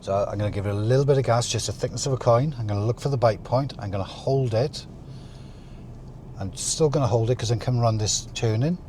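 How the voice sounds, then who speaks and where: A man talking through a driving lesson as an instructor, calmly explaining each step while he drives. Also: mid-range voice, fast talker. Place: inside a moving car. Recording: car interior with faint vehicle noise.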